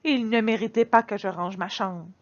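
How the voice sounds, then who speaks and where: A woman reading a children's picture book aloud in an expressive, dramatic storytelling manner. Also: medium pitch, normal speed, highs cut off. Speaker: storybook reader.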